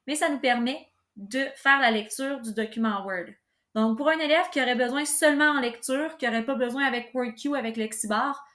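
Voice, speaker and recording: A woman presenting an informal step-by-step software tutorial. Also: on the high side.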